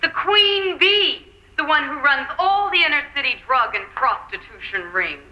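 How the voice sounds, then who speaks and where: A woman's voice: high-pitched, lively intonation, lo-fi sound. An actress playing a flamboyant female crime boss, theatrical and taunting, in a campy comedy film. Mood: gloating. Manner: theatrical, taunting, drawn-out delivery. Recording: roomy film soundtrack, music behind.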